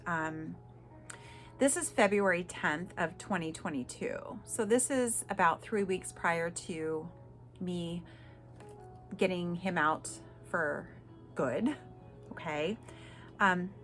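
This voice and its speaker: Bright-voiced woman, tearful and heartfelt. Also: lowish voice. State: crying at times. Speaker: vlogger. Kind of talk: emotional personal vlog.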